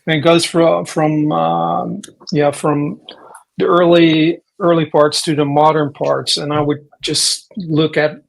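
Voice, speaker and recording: A man's voice: a little high, little pitch movement, slow, gravelly, rough recording. A man from the Netherlands, a guest artist talking in a casual interview, thoughtful and hesitant, often restarting his sentences.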